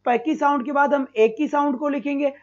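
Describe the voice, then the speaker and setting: A male teacher runs a live online exam-prep class, calling students "beta" and repeating sounds slowly. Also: very high-pitched, fairly even intonation. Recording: dull lo-fi stream.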